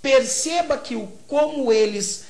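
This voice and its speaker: His voice is very high and a little mellow, and he moves at a measured pace. He's a teacher from Brazil, accented in Brazilian Portuguese, explaining grammar methodically while tossing in short tag questions to check on listeners. The sound echoes around the room.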